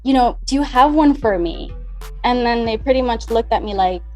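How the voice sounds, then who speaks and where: A woman's voice: on the high side, lively intonation, moderate pace, soft background music. A woman from the Dominican Republic, a money mindset coach, chatting as a guest in an interview, upbeat and talkative. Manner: upbeat, talkative, acts out past conversations. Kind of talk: conversational interview.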